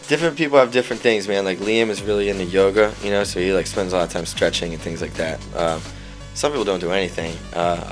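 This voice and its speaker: Loud music plays in the background while a young man who sings in a band talks in a relaxed interview. His voice is low, and he swears freely and keeps saying "like" and "man."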